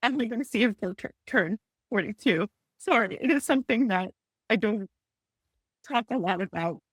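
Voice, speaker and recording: A woman in her forties sharing a personal story on a panel, tearful and halting, with frequent restarts and apologies. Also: mid-range voice, lively intonation, husky, dry recording, studio quality. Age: 40s. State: tearful, close to crying. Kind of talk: emotional personal testimony on a panel.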